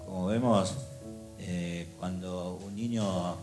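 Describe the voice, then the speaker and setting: Older man, hesitant reflective talk, low voice, strong guitar music behind. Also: fairly even intonation. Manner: slow, reflective, many hesitant fillers. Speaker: discussion leader.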